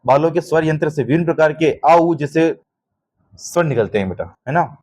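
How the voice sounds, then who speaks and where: A man's voice: a little high, moderate pace, a little mellow. A man teaching an exam-prep lesson, constantly checking understanding with short questions and calling students "beta". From Rajasthan.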